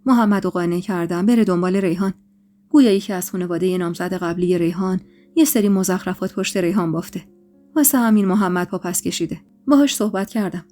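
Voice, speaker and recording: A woman voicing a calm, loving young husband who talks gently and reassuringly to his wife. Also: on the low side, close to an everyday voice.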